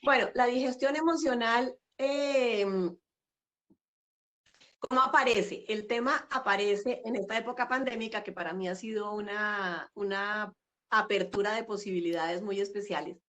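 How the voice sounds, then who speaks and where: A woman's voice: mid-range voice, a little slow. A middle-aged woman, talking reflectively as a guest in an interview over a video call. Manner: warm, reflective, with frequent fillers and laughs. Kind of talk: casual interview conversation.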